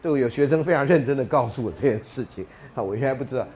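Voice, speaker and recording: A man's voice: mid-range voice, rapid-fire, darkish tone, a little hiss or hum. A man lecturing a university class, telling jokes and anecdotes and often laughing mid-sentence.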